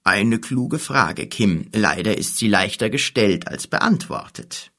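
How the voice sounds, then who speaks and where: A man voicing an old, scheming male wizard who speaks slowly and coaxingly. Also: lowish voice, lively intonation, sharp tone, heavily acted. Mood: calm persuasive. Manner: slow, measured, coaxing.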